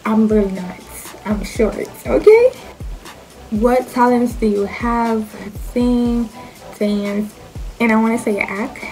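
Young jamaican accent girl vlogging, woman w kinda high voice, slow playful slangy chat, bit of music behind. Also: fairly even intonation, a little mellow, low-quality recording. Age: young adult. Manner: playful, slangy, self-questioning delivery. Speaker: vlogger answering questions about herself. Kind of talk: casual chat to camera.

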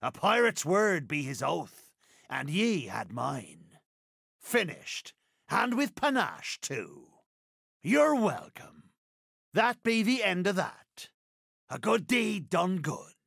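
A man playing a boastful older pirate captain in a video game, with a raspy voice, a theatrical West Country pirate accent and rolling archaic phrasing. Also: high voice, sing-song, slow pace, a bit bright, no echo, clean studio sound, exaggerated voice. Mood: proud, boastful. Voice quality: gravelly, raspy. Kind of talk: video game character voice lines.

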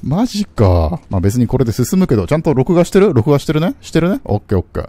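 A man commenting on a game he plays, swinging from low mutters to startled yelps. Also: very animated, quick pace, no echo. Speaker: game streamer. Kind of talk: excited let's-play commentary. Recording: game music loud behind voice. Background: game sounds and music.

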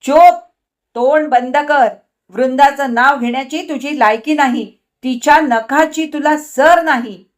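A woman's voice: high voice, measured pace, pitched above the performer's own voice. A woman voicing a sneering furious husband. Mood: scornful. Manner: sneering, biting. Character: angry scornful husband, a man.

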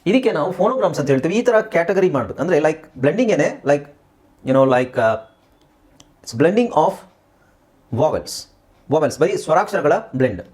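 A young man with a Kannada accent teaching English pronunciation, repeating words slowly and asking and answering his own questions. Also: on the high side, expressive, a little mellow. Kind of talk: spoken English lesson.

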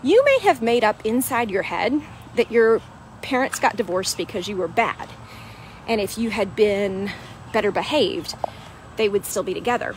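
With lively intonation and a mid-range voice at normal speed, this woman, a weight loss coach, walks and talks through a beach park vlog, full of "right?" and "um." The recording is low quality with some hiss or hum, made on a wired earphone mic with her phone at arm's length.

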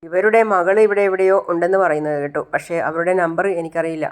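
A narrator voicing a calm male hospital doctor who explains things patiently. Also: mid-range voice, fast, natural voice. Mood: reassuring. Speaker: doctor in the story.

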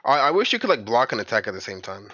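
A man's voice: mid-range voice, sing-song, racing, pushed and bright, no echo, highs cut off. A young man chatting casually with friends during a game stream, rambling with lots of filler and calling them bro. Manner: rambling, filler-heavy, says "bro" and "like" a lot. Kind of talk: casual gaming chat.

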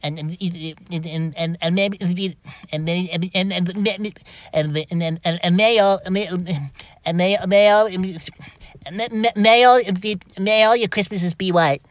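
A man's voice: high voice, steady tone, slow, fairly bright tone, dry recording, voice pushed up. A man voicing a flustered cartoon pig with a heavy stutter, singing in a parody.

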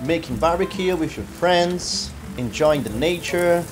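A man's voice: a little high, measured pace, over loud music. A young man whose first language is Portuguese, hosting a vlog and explaining life on a sailboat in eager, non-native English. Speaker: vlog host. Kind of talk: casual touring narration. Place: on a sailboat, cabin and deck.

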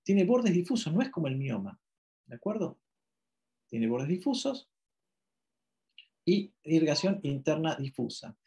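A man's voice: fairly high pitch, big pitch swings, measured pace, pauses often, dark tone. A man from Argentina giving a medical ultrasound lecture, explaining step by step with frequent checking questions and self-corrections.

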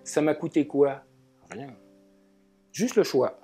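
Man musing aloud over soft guitar. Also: on the high side, breathy edge. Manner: lively storytelling, with pauses and filler words. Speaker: alchemy speaker. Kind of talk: spoken reflective talk. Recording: faint guitar music behind.

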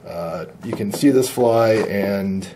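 A man demonstrating fly tying at a shop bench. He talks in a relaxed, plain-spoken way and often says uh. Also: on the low side, slow, noisy background.

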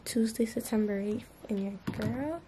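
A woman's voice: a little high, a little slow, mellow, slight background noise. A teenage girl from Boston chatting casually and slangily straight to her viewers in a vlog. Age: teens. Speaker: vlogger.

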